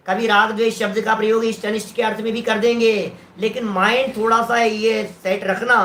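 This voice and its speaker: Bright-voiced man teaching scripture, roomy echo. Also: sits high, a little hiss or hum. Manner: explanatory, often checks that listeners follow. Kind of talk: religious scripture lecture.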